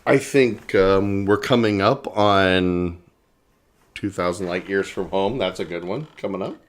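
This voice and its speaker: A Midwestern American man co-hosting a podcast chats casually about an album, teasing his friend and sharing trivia he looked up. His voice is low and unhurried.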